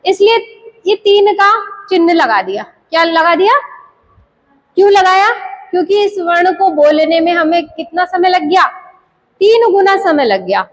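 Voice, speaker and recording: In a classroom lecture, a woman teaches Sanskrit grammar, posing questions and answering them herself while slowly repeating the key terms. Her pitch is extremely high and her intonation lively. The recording quality is rough.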